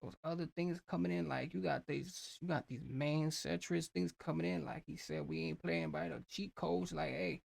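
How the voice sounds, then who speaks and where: Man, reaction host, very gravelly voice, slightly high pitch, loose rambling talk. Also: moderate pace, few pauses. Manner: rambling, repeats fillers and restarts phrases. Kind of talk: casual reaction commentary.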